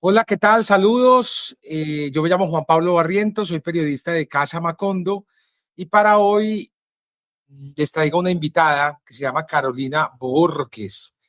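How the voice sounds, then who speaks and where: A male journalist with a Colombian Spanish accent, introducing his guest and asking questions in a measured, earnest way with frequent pauses. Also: fairly high pitch, fairly bright tone, dry recording, studio quality. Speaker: journalist and interviewer.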